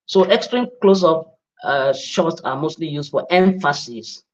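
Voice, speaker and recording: A man, answering trainees' questions as a media trainer, halting and repeating words. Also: fairly high pitch, animated, dull audio.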